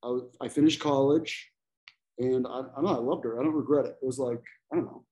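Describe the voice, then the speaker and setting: Guest: man, 40s, grew up in Ecuador, easygoing self-deprecating comic with an average-pitched voice. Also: steady tone, quick pace, a little mellow, low-quality recording. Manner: self-deprecating, laughs often. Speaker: comedian guest. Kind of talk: casual podcast chat.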